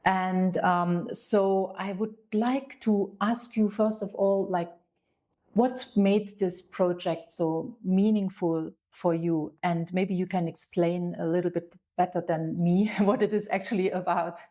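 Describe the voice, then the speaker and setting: A woman hosts an interview podcast, speaking slowly and haltingly. Her voice sits a little low, and she fills her pauses with ums and uhs as she introduces her guest. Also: fairly even intonation, dark tone. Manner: slow, hesitant, many fillers. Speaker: podcast host.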